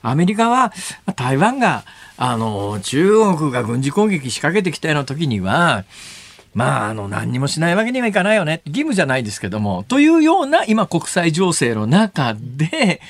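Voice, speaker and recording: A man's voice: a little high, sing-song, normal speed, no echo. A male radio host explaining the news in a blunt, sardonic way, with casual asides, in a studio. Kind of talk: news commentary on talk radio.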